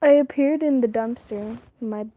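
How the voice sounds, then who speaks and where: Reading a novel aloud on her livestream, a woman speaks at a moderate pace in a mellow, slightly high voice. It's a casual read-aloud: she stumbles over words and pauses to comment on the story.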